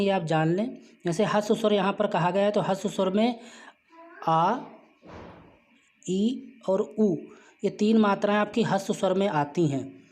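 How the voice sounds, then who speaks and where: A patient, explanatory teacher talks through rules at a middling pitch, pausing on "uh" between phrases. Example words come out slowly, broken into single syllables, as in a classroom lesson. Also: a little mellow. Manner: patient and explanatory, with frequent "uh" fillers. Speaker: shorthand teacher. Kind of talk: spoken classroom-style lesson.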